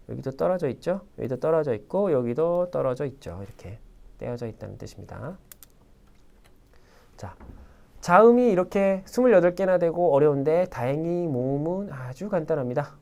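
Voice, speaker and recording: A man teaching an introductory language lesson in a recorded video lecture, explaining step by step and writing with a pen as he goes. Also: a little high. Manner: lively explanatory teaching, frequent "자" prompts; writes with a pen while explaining. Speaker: Arabic language instructor.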